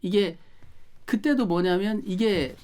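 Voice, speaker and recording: A woman's voice: medium pitch, slow, darkish tone. A woman speaking as a guest lawyer on a talk show, explaining emphatically and firing off rhetorical questions.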